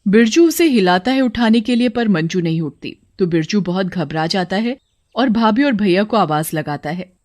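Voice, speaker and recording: A woman tells a village horror tale in a steady, even voice. Her pitch is middle-of-the-road for a woman. The narration is scripted. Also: moderate pace. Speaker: storyteller.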